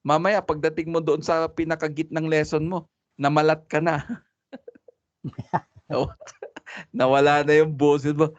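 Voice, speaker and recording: A homiletics teacher gives a casual Taglish lecture on preaching in a church classroom, chatting freely, switching between Tagalog and English, and laughing often. His voice is fairly high and flat, a little slow, with frequent pauses. The recording is dry, dull, and lo-fi.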